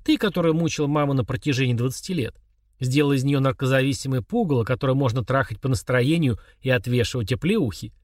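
A man voicing a calm, mocking young man who chats casually while confessing murder to his father. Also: medium pitch, fast, no room sound, studio quality, lightly acted. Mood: coolly sneering. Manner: chummy, sneering, confessional tone.

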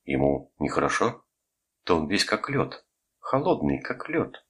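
A man voicing a frightened young mother in a raised falsetto, as an audiobook character. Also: sing-song, a little slow, a bit bright, husky, full character voice. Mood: panicked.

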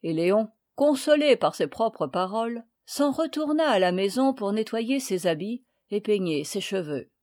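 A woman reading a children's novel aloud, with clear, expressive narration. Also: mid-range voice, normal speed, few pauses. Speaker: audiobook reader. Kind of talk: storybook reading.

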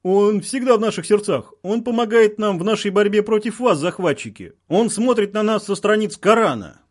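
A man voicing a group of aggressive militants who shout in guttural voices. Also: sits high, expressive, moderate pace, voice pushed up. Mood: insistent. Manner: shouting angrily.

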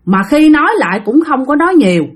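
A woman's voice: high-pitched, big pitch swings, fast. A woman telling a spooky story in a casual, chatty way, speaking straight to her listeners. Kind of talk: casual spoken ghost story.

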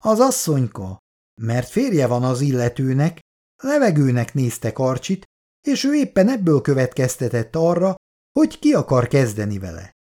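A man's voice: mid-range voice, sing-song, warm tone. A reader voicing Bandi, a husband probing his wife with casual questions in a storybook reading.

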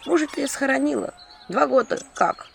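A woman reading an audiobook, voicing a frightened, shy village widow who pleads in a breathy half-whisper. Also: sits high, normal speed, a bit bright, slight background noise, voice pushed up, heavily acted. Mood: hushed fearful. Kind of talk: audiobook character voice.

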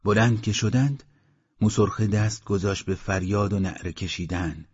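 A man with a husky voice giving scripted literary narration for an audiobook, on a dull lo-fi recording. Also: fairly low pitch, no room sound.

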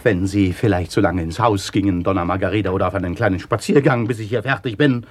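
A man's voice: low-pitched, fast talker. An actor playing a polite, deferential hired handyman in a radio play, earnest and eager to please.

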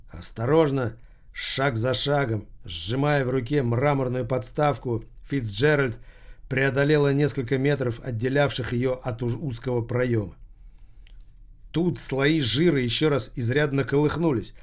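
Guy narrating an audiobook, steady measured read, medium pitch.

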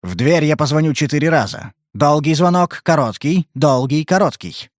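A man reading an audiobook, voicing a gruff, irritable male detective who talks in a curt, blunt way. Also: fairly high pitch, moderate pace, no echo, clean studio sound, voice pushed up, lightly acted.

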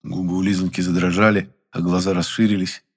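A man's voice: deep voice, little pitch movement, fairly quick, husky. A man narrating an audiobook in the first person with a wry, ironic tone.

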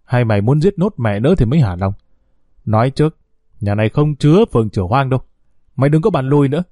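A man's voice: medium pitch, lively intonation, fast, no room sound, studio quality, close to an everyday voice. Man doing a harsh angry older brother. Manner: harsh, shouting down.

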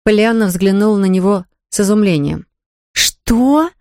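An audiobook narrator reading a novel in an even storytelling manner. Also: mid-range voice, fast, no echo, clean studio sound. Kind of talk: scripted narration.

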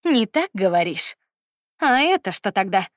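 A harsh middle-aged mother who meets her daughter with cold contempt and anger, her voice raised and a touch higher than the reader's own, as a woman reads her out. The sound is close and dry, with no room around it. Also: fairly quick, dry recording, natural voice. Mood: scornful.

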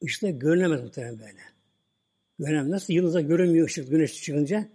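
Male preacher, slightly high and dark-toned, relaxed storytelling sermon, long hall reverb. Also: quick pace, slightly rough. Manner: relaxed retelling, "böyle" at line ends. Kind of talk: religious talk with storytelling.

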